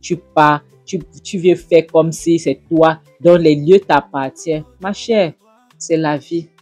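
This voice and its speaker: A woman's voice: deep voice, fairly even intonation, slow, husky, dry recording, faint music behind, full character voice. A woman voicing a scornful middle-aged mother who hectors and taunts her daughter. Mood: mocking. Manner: taunting, hectoring, rising to loud jabs.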